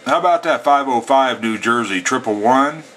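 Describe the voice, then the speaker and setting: Speaking from an indoor home radio station, this amateur CB operator is an American man who chats in a homespun, down-to-earth way. He sounds animated, with a medium pitch, a fairly bright tone, and a normal pace.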